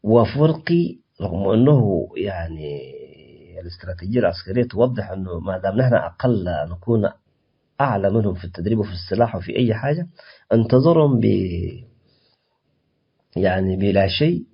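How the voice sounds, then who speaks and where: A man with a low, husky voice argues his case as a guest on a radio program, building heat as he goes. He breaks off and restarts phrases often, filling gaps with hesitations. The audio is dull and lo-fi, like a muffled broadcast. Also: expressive. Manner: impassioned, halting with many restarts and fillers. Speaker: political activist guest. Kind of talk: radio interview answer.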